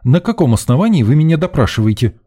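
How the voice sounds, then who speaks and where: A man's voice: mid-range voice, sing-song, normal speed, dark tone, husky, voice pushed up. A man voicing a nervous, indignant young male journalism student who talks defensively and stammers.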